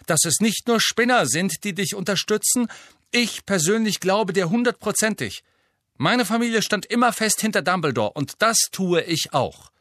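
A man reading an audiobook, voicing a pompous teenage schoolboy with a loud, carrying voice. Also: high-pitched, expressive, normal speed, no room sound, studio quality, pitched above the performer's own voice. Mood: earnest.

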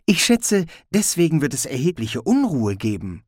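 A man's voice: a little high, huge pitch swings, moderate pace, darkish tone, no room sound, studio quality, pitched above the performer's own voice. A man voicing a small, naive and trusting man who speaks earnestly and eagerly.

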